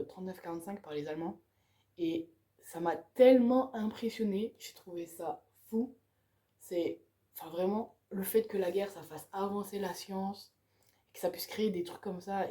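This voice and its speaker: This woman has a mid-range voice with a dark tone. She's a book vlogger going through the books on her reading pile, chatty and excited, often closing a phrase with "quoi."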